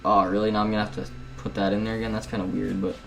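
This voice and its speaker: A man's voice: on the low side, level tone, racing, creaky, a bit bright, slight background noise, rough recording. A young man at home casually talking viewers through a video editing tutorial, rambling and chatty, often calling them guys. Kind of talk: casual screen-recorded tutorial.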